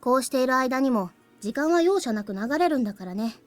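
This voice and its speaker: In this Japanese visual novel clip, a cool young boy with a high voice, the hero's calm, aloof crystallized past memory, speaks rapid-fire and expressively. His tone is blunt and matter-of-fact with a touch of cheek, over soft background music.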